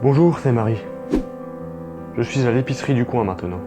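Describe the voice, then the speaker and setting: A man voicing a sinister porcelain doll girl who leaves ominous phone messages, read low and slow. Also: natural voice. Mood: eerie. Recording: music playing behind.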